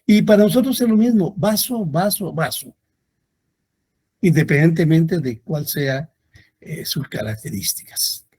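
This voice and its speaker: A man giving a classroom lecture, speaking slowly and deliberately and repeating examples for his students. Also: a little high, big pitch swings, dark tone, breathy edge. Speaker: university lecturer.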